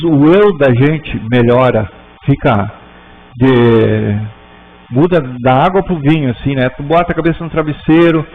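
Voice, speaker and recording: Man teaching casually. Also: a little high. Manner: conversational, frequent "né?" tags, halting restarts. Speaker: spiritist school teacher. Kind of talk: informal class talk. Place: spiritist center auditorium. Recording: tinny lo-fi with faint hum.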